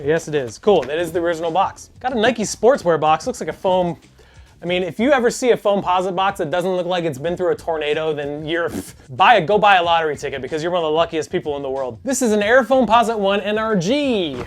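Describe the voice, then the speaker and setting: A man hosting a casual sneaker unboxing vlog from home, with goofy, self-mocking asides. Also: a little high. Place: home in Chicago.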